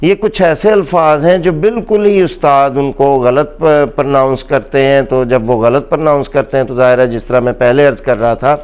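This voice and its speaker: A man with a Pakistani accent giving a slow, deliberate English pronunciation lesson, repeating each word for emphasis. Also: medium pitch, steady tone, darkish tone, clear, resonant tone. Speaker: English teacher.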